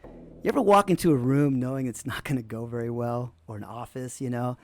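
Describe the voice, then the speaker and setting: A man's voice: mid-range voice, brisk, no room sound, soft background music. A man telling a personal story in a conversational way, often adding "man" and "you know".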